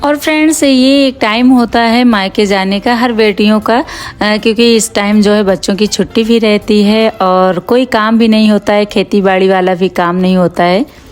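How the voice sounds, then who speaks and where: In this casual vlog narration over home footage, a middle-aged woman talks through her day in a friendly, chatty way, addressing viewers as friends. Her mid-range voice moves at a moderate pace, with soft music playing in the background.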